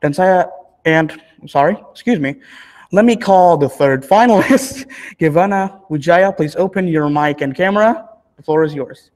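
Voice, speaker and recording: A man's voice: fairly high pitch, normal speed, darkish tone. A man hosting an online competition on a video call, announcing finalists in a formal, polite way. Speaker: host. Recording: reverberant room on a call.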